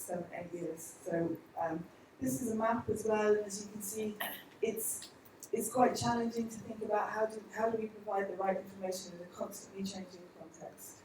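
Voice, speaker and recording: A woman's voice: medium pitch, warm tone, slight background noise. A woman from an aid agency giving an earnest conference presentation full of rhetorical questions, recorded from far off in a large hall.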